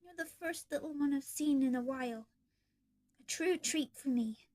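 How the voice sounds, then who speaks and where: A woman voicing a menacing male pirate fox robot with slow, sinister pirate talk. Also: sits high, darkish tone, lightly acted. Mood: pleading.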